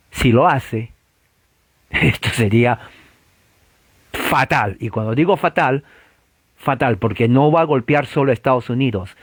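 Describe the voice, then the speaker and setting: A man preaching a sermon, provocative and full of rhetorical questions, swinging from loud to low. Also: no echo.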